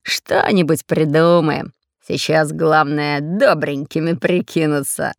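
A woman voicing a scheming red-bearded male pirate who booms slowly in a low voice. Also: fairly even intonation, no echo, studio quality, heavily acted. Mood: gruff. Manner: deep gruff booming, slow.

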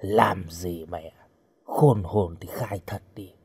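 Brutal male outlaw for an audiobook, low and menacing, husky rasp; a man doing the voice. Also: slow, darkish tone, heavily acted. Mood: threatening. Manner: low, gruff, threatening growl.

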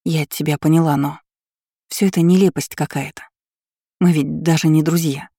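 A prim, flustered young woman with an irritable, nervous edge, voiced by a male audiobook reader. The tone stays dark and flat, close and dry, with little sign of a real female pitch. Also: moderate pace, creaky, husky, no room sound.

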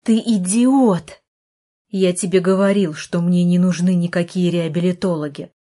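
A woman reading an audiobook, voicing an embittered young man in a wheelchair who snarls and yells. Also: on the low side, flat delivery, normal speed, natural voice. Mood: furious. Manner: snarling, furious outbursts.

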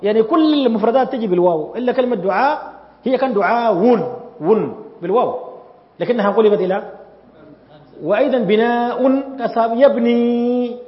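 A man's voice: high voice, brisk. A man teaching a grammar class, questioning his students as he lectures. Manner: lively, asks the class questions. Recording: echoey hall, dull lo-fi sound.

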